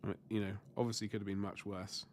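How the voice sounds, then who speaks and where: Talking fast in a lowish, darkish, level voice, a man hosts a miniature-painting livestream and casually responds to viewer comments. He's got the flu, with a stuffy nose and sore throat, and he rambles, corrects himself, and swears mildly, with slight background noise.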